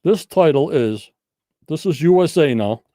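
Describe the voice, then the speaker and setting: Laid-back guy running a trivia game, mellow voice, dry close mic, jokey and rambling. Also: fairly high pitch, animated, a little slow, no echo. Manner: folksy, rambling, jokey game-show patter. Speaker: host of a livestream trivia game. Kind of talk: casual livestream chat.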